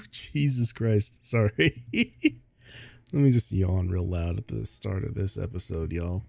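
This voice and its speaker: A man's voice: on the low side, slow, vocal fry, dark tone, breathy edge, no room sound, clean studio sound. A man streaming a video game in casual commentary, sounding sleepy and stuffy, rambling and laughing often. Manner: giggly, rambling.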